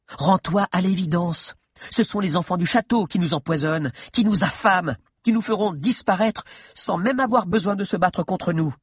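A man with a husky voice voicing a fierce, scheming girl advisor who urges war, speaking in a raised, insistent storybook voice. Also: fairly high pitch, no echo, studio quality, pitched above the performer's own voice, exaggerated voice.

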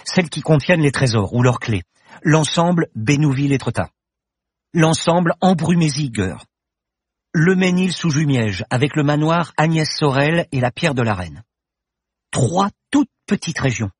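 A man reading an audiobook and voicing an eager, excitable young woman student who loves solving riddles. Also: medium pitch, slightly rough, no echo, studio quality, pitched above the performer's own voice. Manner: excited, insistent, rising. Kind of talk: audiobook character voice.

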